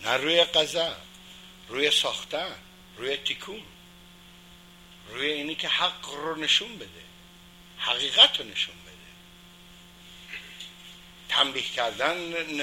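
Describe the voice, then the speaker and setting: A man's voice: on the high side, pushed and bright, slight background noise, poor audio. A man teaching a religious class, putting questions to his listeners and answering them emphatically.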